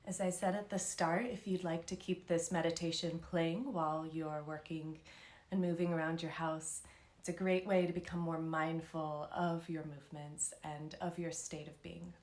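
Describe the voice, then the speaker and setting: A female instructor guides a live meditation, calm and soothing, unhurried, with long pauses. Her voice sits low and the sound is reverberant.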